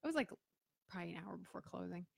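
A woman's voice: fairly low pitch, expressive, fast talker, gravelly, darkish tone, no echo. A middle-aged woman from Florida, a guest chatting casually and acting out the voices of people in her stories. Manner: chatty, acts out quoted voices. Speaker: guest, business owner and veteran. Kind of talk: casual storytelling interview.

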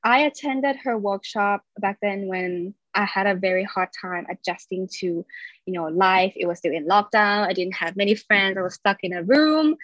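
A woman's voice: mid-range voice, no room sound. A woman in her twenties, originally from Thailand, chatting as a podcast guest in an upbeat, talkative way. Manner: chatty and upbeat, laughs between stories. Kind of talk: casual interview chat. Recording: slightly dull dry sound.

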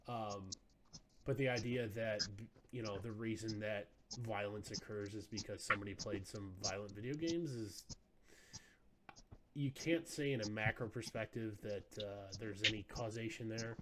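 A man co-hosting a casual podcast, arguing his points in a measured way with frequent thinking pauses. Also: on the low side, noisy background. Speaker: podcast co-host.

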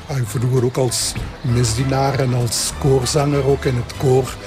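A man in his seventies from Belgian Limburg in Flanders speaks with a Limburg accent, playing a parish priest answering interview questions. His medium-pitched voice barely moves in pitch and keeps a normal speed, while he hesitates and repeats himself over background music.

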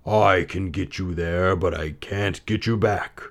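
A man voicing a fat old genie of a ring in a storybook reading, slow and measured. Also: sits low, steady tone. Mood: calm.

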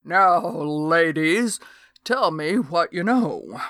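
Calm male federal agent with a slow, unhurried drawl, as read by a woman, in a dry, close audiobook sound. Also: low-pitched, no echo, heavily acted. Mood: businesslike. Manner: slow, steady drawl with "y'all". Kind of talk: audiobook character voice.

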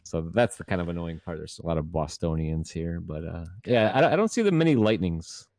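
A man's voice: deep voice, animated, a little fast, a little mellow, dry recording, clean studio sound. A man co-hosting a casual podcast, laid back and laughing as he tells stories. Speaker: podcast co-host.

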